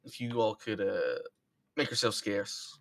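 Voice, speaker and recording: A man voicing a generous, commanding male ship captain who speaks loudly and declares things in a tabletop game. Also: lowish voice, animated, a little slow. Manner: loud and declarative.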